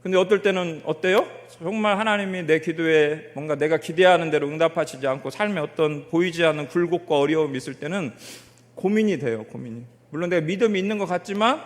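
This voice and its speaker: Male pastor, high voice, tells stories in his sermon and keeps asking the pews questions; long church reverb. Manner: lively storytelling, asks the congregation questions. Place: church during a Sunday afternoon service.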